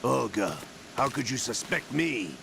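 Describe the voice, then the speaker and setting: An older villain commander from a video game, his voice heavy with gravel and fry. He speaks deliberately and with cool condescension, like someone used to giving orders. A clear hiss runs through the recording. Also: mid-range voice, animated. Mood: cool, dismissive. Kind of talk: dramatic video game acting.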